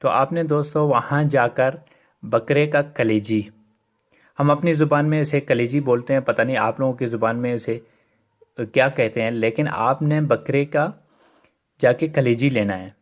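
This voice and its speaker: A man of middle pitch walks his listeners through a procedure step by step, circling back and repeating each point. His voice sounds roomy and echoing. The recording is muffled and lo-fi. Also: moderate pace. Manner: repetitive, addresses listeners as friends. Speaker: occult ritual instructor. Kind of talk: step-by-step spoken instruction. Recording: echoey, muffled lo-fi room recording.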